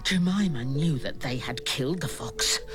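A woman's voice: a bass voice, animated, moderate pace, music in the background. An actress playing a haunted mother who narrates memories and animal fable as a dramatic monologue. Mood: fierce, intense.

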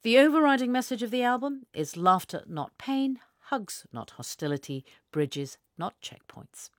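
A woman's voice: fairly high pitch, expressive, moderate pace, no echo, studio quality. A woman presenting a music programme on the radio from a script, as its host.

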